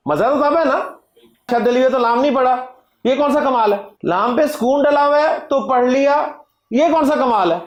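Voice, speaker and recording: A Pakistani man teaching a Quranic Arabic class in Urdu, explaining slowly with a Pakistani accent, drawing words out and often checking "right?" with the students. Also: very high-pitched, muffled recording. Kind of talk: classroom lecture. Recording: echoey classroom.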